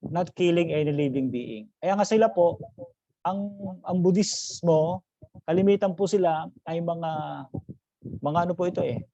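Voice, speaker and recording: A pastor gives an online class lecture with a fairly high, mellow voice. The sound is dry and close, with the dull, lo-fi quality of a video call. He mixes in English terms and stops to ask his students questions. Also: moderate pace, pauses often, dry recording. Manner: calls listeners brothers and sisters.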